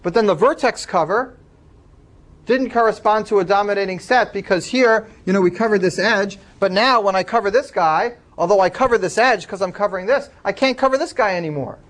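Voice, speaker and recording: A man's voice: sits high, fairly quick, a bit bright. A man lecturing a class, explaining step by step and taking student questions.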